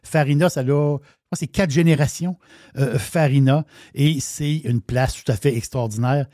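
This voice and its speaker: A man's voice: medium pitch, moderate pace, mellow, no echo, clean studio sound. A man with a Québécois French accent giving a wine segment on a radio show, in enthusiastic, rambling casual chat with many restarts. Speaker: wine columnist.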